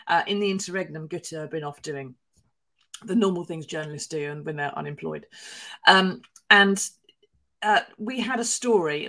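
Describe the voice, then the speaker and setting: A woman with a fairly low but fairly bright voice co-hosts a news podcast, telling stories in a chatty, wry manner. She's a newspaper columnist, and the talk is casual news chat.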